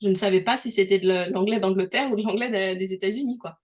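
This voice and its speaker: A woman's voice: mid-range voice, fairly even intonation, quick pace. A young French woman co-hosting a podcast, giving casual advice in a chatty way with many fillers and restarts. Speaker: podcast co-host.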